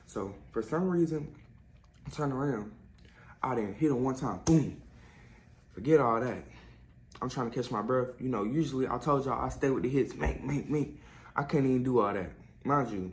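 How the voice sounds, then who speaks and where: A teenage boy vlogging a storytime monologue, casual and slangy, acting out punches with sound effects. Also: medium pitch. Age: teens. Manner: slangy, casual street speech.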